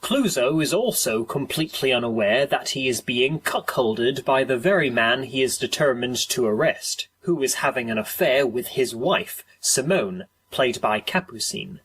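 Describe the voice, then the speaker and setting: A man's voice: medium pitch, lively intonation, moderate pace, few pauses, a bit bright, a little hiss or hum. A man reading scripted documentary narration as the narrator.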